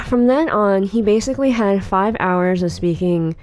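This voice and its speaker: A woman in her late twenties, co-hosting a podcast, has a medium-pitched, slightly mellow voice and a measured pace. She chats casually in a rambling way, with many fillers and restarts.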